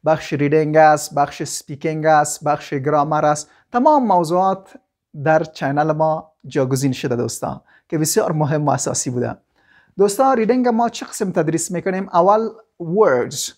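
Afghan dari accent lady teacher, lowish voice, drills words over and over, cheers students on. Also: darkish tone. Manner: encouraging, repeats each word slowly for students; mixes Dari and English. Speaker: English teacher. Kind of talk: language lesson.

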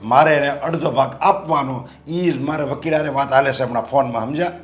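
A man's voice: mid-range voice, fairly quick, faint music behind, close to an everyday voice. An actor playing a stubborn older father who guards his property, speaking in a stern, insistent, lecturing way.

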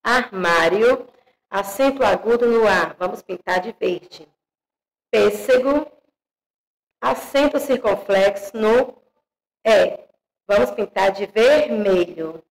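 Slow, gravelly-voiced woman teacher. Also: mid-range voice, rough recording. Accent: Brazilian Portuguese. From Brazil. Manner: slow, patient, spells out each accent mark; checks in often with the class. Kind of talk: online class, correcting exercises.

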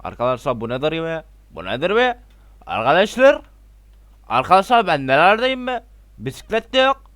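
A man giving excitable, casual gameplay commentary, shouting out reactions and talking straight to his viewers as friends. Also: a little high, normal speed, no echo. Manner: excitable, loud exclamations and slangy swearing; talks to viewers as friends, repeats himself. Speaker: gameplay YouTuber.

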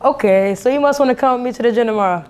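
A woman's voice: on the high side, racing, darkish tone, clear, resonant tone, natural voice. An actress playing a confident, playful young saleswoman. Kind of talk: web drama acting.

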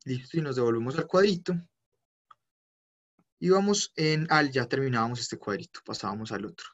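A man teaching a live online German class, who explains slowly, spells out endings and corrects himself often. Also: mid-range voice, expressive, highs cut off.

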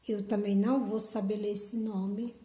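A woman's voice: medium pitch, level tone, unhurried, mellow. A woman hosting an orchid channel, unboxing plants in a casual vlog and gushing over each one with affection. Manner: gushing, affectionate, repeats "gente". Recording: echoey room.

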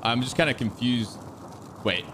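A man's voice: medium pitch, unhurried, background noise. A young man streaming a video game, chatting casually with exclamations and swearing. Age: young adult. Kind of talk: casual gameplay chat. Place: small indoor room. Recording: loud game gunfire and vehicles behind.

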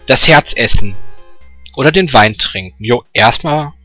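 A man's voice: medium pitch, lively intonation, measured pace, sharp tone, no echo, faint music behind. A man hosting a let's play, reading game text aloud with joking, sarcastic asides.

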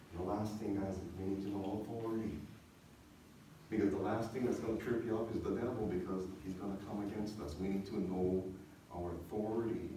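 A pastor in his thirties preaches from the stage of a church sanctuary, teaching conversationally, repeating his points and asking check-in questions. His voice is low-ish and mellow. The recording is echoey, taken on a distant mic in the church hall with faint noise.

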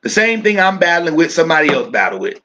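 A male pastor with a fairly high voice teaches a church bible study. He preaches more than he chats, circling back over his own phrases. He drags out key words for emphasis. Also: big pitch swings, bright, forceful tone, poor audio. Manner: preachy, repeats phrases, slows down to stress words.

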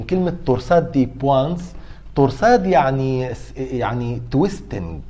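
A man's voice: medium pitch, warm tone. A middle-aged man with an Egyptian accent giving a university pharmacology lecture, asking and answering his own questions to coax his students along. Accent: Egyptian Arabic.

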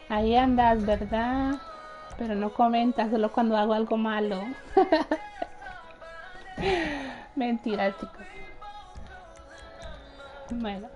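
Young woman gaming streamer, slow relaxed chat with a bit of a high voice, faint music under. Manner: chatty, laughs often, reads out chat greetings. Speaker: gaming livestreamer. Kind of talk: casual live gameplay chat. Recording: faint game music behind.

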